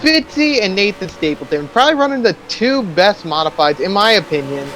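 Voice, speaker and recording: A man giving color commentary on a simulated stock car race, rambling and excitable, often laughing at his own jokes. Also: sits high, brisk, a little hiss or hum, poor audio. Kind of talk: sim racing commentary.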